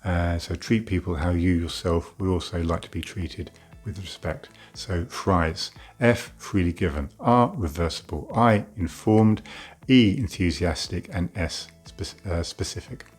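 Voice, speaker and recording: A man's voice: low voice, unhurried, a little mellow, husky, soft background music. A male doctor giving a frank educational talk to camera, plain-spoken and full of "uh" fillers.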